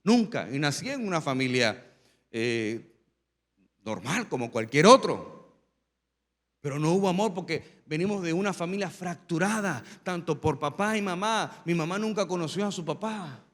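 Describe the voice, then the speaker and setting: A man preaching a sermon as pastor, telling his own testimony and building to loud, emphatic preaching. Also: a little high, lively intonation, moderate pace, in a large hall.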